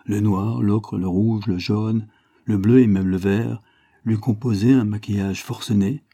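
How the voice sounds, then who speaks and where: A man reading an audiobook novel in a measured, literary way. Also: lowish voice, steady tone, mellow, dry recording, studio quality. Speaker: narrator. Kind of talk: audiobook narration.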